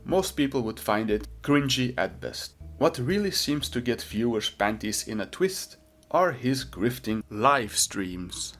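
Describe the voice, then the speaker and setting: A man's voice: mid-range voice, animated, measured pace, a bit bright, faint music behind. Sardonic man narrating scripted commentary. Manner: sardonic, mocking. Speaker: video essay narrator.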